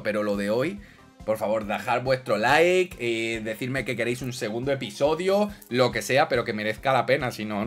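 A young man with a Spain Spanish accent doing animated gameplay commentary, exclaiming and joking with his viewers. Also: mid-range voice. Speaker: gaming youtuber.

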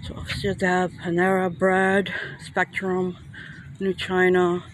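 A man with a New York accent rambles through a casual walking tour of an outdoor shopping plaza, thinking aloud as he goes. His voice sits a little high. It is recorded on a handheld phone, with street and traffic noise heard clearly behind him. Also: completely flat delivery, takes it slowly, a bit bright, poor audio. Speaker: vlogger. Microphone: handheld phone camera.

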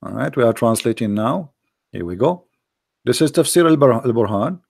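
Hoarse, gravelly man debating online. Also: mid-range voice, lively intonation, normal speed, a little mellow, no echo. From Middle East. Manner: insistent, rhetorical questioning. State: hoarse, losing his voice. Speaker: debate host.

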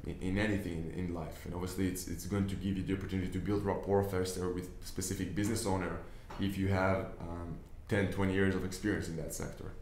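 A young Israeli investor, a native Hebrew speaker, gives an informal to-camera talk from his office desk in a low, slightly mellow, mostly level voice. He speaks quickly with hardly any pauses, earnestly explaining and often restarting. The echoey recording carries a little hiss or hum.

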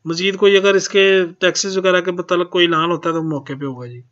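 A man's voice: high voice, fairly even intonation, fairly quick, a bit bright, highs cut off. A man hosting his own channel, plainly reading out auction notices and tacking a polite "ji" onto most sentences. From Pakistan. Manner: plain, repeats "ji" often. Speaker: channel host.

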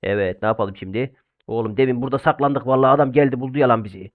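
A young man doing loud, exclamatory let's-play commentary while playing an online game, swinging between shouts and low muttering. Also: very fast. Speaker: gaming YouTuber. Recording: phone-like narrow band.

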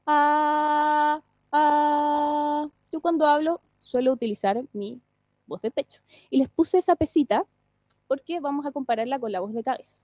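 A woman, a singing teacher and speech therapist, giving an online lecture in a clear, explanatory way and often checking that listeners follow. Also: high-pitched, lively intonation, brisk, dark tone, no echo, clean studio sound.

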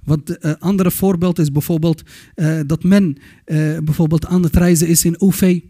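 A man lectures young listeners in an earnest, admonishing way, slipping Arabic phrases into his speech. His voice sits a little high for a man, yet it sounds dark and mellow. He often stops and restarts his words as he goes. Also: fairly even intonation, normal speed. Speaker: Islamic youth lecturer. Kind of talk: religious lecture.

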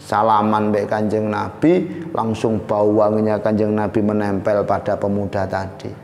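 A male preacher telling a story in a lively, dramatic way, with an East Javanese Indonesian accent, at a live study gathering. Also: fairly low pitch, normal speed, faint music behind. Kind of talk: storytelling religious lecture. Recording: echoey hall, faint ambience.

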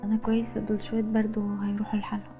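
An actress playing a gravely ill young woman who softly reassures the people around her. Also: mid-range voice, monotone, very fast, dull audio, soft background music, close to an everyday voice. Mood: weary. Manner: soft, reassuring, weary. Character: sick young woman, gentle and brave. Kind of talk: TV drama acting.

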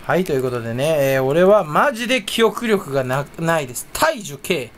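A young man rambles through a solo stream at his computer, half talking to himself and teasing himself about how forgetful he is. His pitch swings widely and playfully from line to line. A faint background hum sits under his voice. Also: very animated, fairly quick. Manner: rambling, self-mocking, mumbles to himself. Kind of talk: casual solo chat while browsing online.

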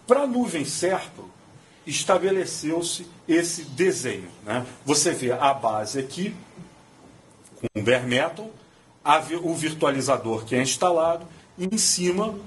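A man's voice: on the high side, slight background noise. Hesitant Brazilian man presenting in auditorium. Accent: Brazilian Portuguese. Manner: hesitant, many fillers and restarts. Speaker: conference presenter. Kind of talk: technical presentation. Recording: distant mic in auditorium.

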